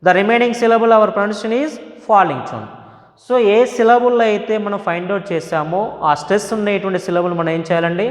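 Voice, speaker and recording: A male teacher with a Telugu accent, giving a slow classroom lesson in English and Telugu, repeating each word aloud. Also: high-pitched. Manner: slow, drawn-out, repeating words to model stress. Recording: echoey hall with long reverb.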